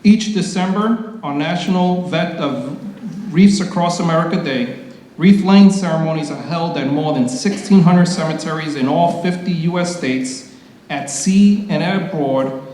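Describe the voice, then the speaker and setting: A man's voice: on the high side, unhurried, a little mellow. A man emceeing a community ceremony, reading award citations formally and adding loose, casual asides. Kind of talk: public ceremony speech. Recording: very echoey hall with long reverb.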